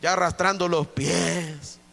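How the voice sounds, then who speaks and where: A man preaching an evening church sermon in a high, bright, ringing voice. He drives his points home through emphatic repetition and keeps calling out to his brothers in the pews. The sound carries the long echo of a church hall. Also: fairly even intonation, takes it slowly, vocal fry. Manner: emphatic preaching with many repetitions, often addressing listeners as brother. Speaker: pastor. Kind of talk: evangelical sermon. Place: church during an evening service.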